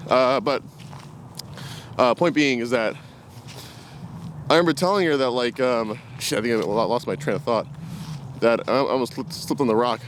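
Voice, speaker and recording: This twenty-something vlogger talks casually and thoughtfully to a camera he carries while walking in the woods, rambling and hesitating in unscripted talk. His medium-pitched voice moves at a normal speed, pausing often, with slight background noise.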